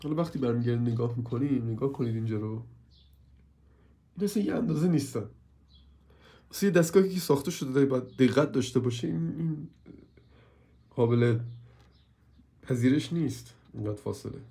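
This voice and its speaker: A man with a cold and a hoarse voice, complaining as he reviews a purchase in a casual hands-on video and keeps asking viewers for help. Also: medium pitch, pauses often, mellow.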